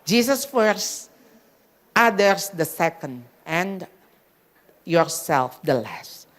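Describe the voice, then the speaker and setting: A middle-aged woman preaching to a crowded church at a Christmas gathering. She calls the listeners "saudara", drops English phrases into her talk, and swings her voice wide as she acts out the voices she quotes. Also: drawn-out words. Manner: animated, dramatizes inner voices and prayers with big pitch swings. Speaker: women's ministry speaker. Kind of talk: sermon. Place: packed church hall at a Christmas event.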